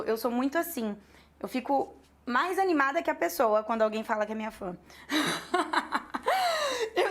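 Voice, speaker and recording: Lively Brazilian woman telling a story. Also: fairly high pitch. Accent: Brazilian Portuguese. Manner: lively, animated retelling with quoted dialogue and laughs. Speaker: makeup artist. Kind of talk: storytelling to online students.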